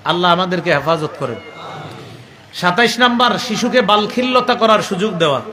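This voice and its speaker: High, bright-voiced male preacher. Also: a little fast. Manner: animated storytelling, acting out quoted voices; recites Arabic passages then explains them. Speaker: Islamic preacher. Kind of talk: sermon on parenting.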